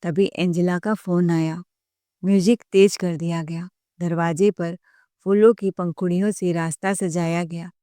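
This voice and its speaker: A woman narrating a family story in a steady, plain reading voice. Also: lowish voice, a little slow, no room sound, clean studio sound.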